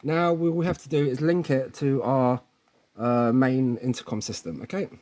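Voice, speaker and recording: In an informal hands-on tech tutorial, a man who presents installation videos speaks at a normal speed in a steady, mid-range voice that's a little mellow. He regularly checks in with whoever is watching.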